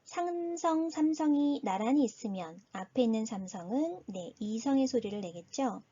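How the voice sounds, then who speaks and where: A woman teacher giving a recorded Chinese lesson, patiently explaining and slowly modeling pronunciation. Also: fairly high pitch, expressive, mellow, dry recording, lo-fi sound.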